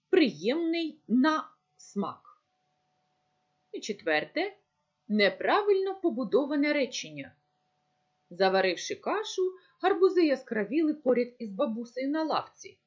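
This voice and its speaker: A woman teacher giving a recorded lesson, speaking slowly and deliberately as if dictating. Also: high voice, highs cut off. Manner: slow, deliberate dictation-like delivery.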